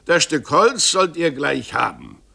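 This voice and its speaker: A man voicing a gruff, grumbling old male carpenter in a radio story reading. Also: a little high, very animated, unhurried, sharp tone, heavily acted.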